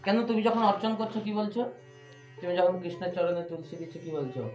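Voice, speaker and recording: A man's voice: high-pitched, steady tone, darkish tone, faint music behind. Man giving a devotional scripture talk. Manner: poses questions to listeners; chants Sanskrit verses slowly. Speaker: scripture teacher. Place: room with listeners. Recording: echoey, muffled, with faint sitar.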